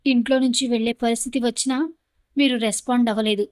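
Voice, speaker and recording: A woman's voice: on the high side, steady tone, fast, darkish tone, no echo, natural voice. A woman storyteller voicing a young woman prisoner, a wronged ex-wife who speaks through tears. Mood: sorrowful. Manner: cool then pleading, tearful.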